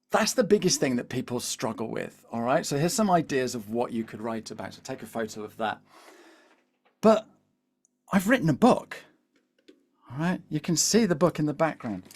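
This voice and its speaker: A British man leading a live webinar as a coach, chatty and animated, constantly asking the audience to reply in the chat. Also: fairly high pitch. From Britain. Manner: peppers speech with "all right?" and "here's the thing". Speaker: LinkedIn coach.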